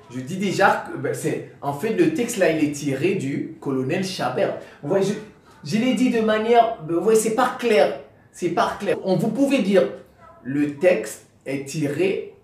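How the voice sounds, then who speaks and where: A man teaching a lesson in a halting, repetitive way, often restarting sentences and speaking directly to his students. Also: sits high. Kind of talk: classroom-style explanation. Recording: very echoey room, mic far off.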